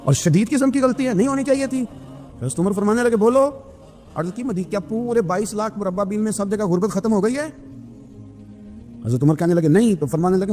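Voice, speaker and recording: A man preaching an emotional sermon, telling stories and voicing the people in them, moving between soft and raised delivery. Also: fairly high pitch. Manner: storytelling, voicing figures in quoted dialogue.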